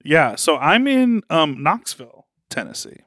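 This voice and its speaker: A man's voice: fairly high pitch, wildly swooping pitch, measured pace, a bit bright, no room sound, clean studio sound. A man co-hosting a podcast, chatting casually and comedically in a sassy, campy drag-queen manner. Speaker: podcast co-host.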